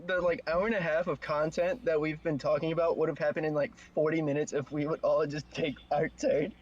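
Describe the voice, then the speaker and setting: A man's voice: a little high, level tone, fairly quick, darkish tone, muffled recording. A young man co-hosting a casual podcast, trying to steer the talk with stumbling restarts. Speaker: podcast co-host. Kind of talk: casual chat among friends.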